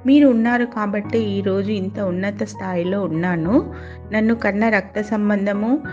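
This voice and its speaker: An earnest, heartfelt young woman officer in a storybook audio tale, voiced by a woman narrator. She speaks at a mid pitch over faint background music. The recording is a little dull. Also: warm tone, lightly acted. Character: grown woman officer, proud, emotional.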